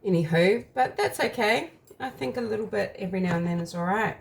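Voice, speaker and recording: A woman's voice: mid-range voice, brisk, gravelly. A woman chatting casually through a home baking taste test, rambling and talking while she eats.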